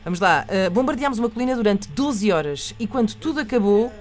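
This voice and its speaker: A European Portuguese man hosts a comic radio quiz in a high, playful voice. He talks with mock-theatrical flair. Clear music plays behind him. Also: lively intonation, fairly quick. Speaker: radio show host.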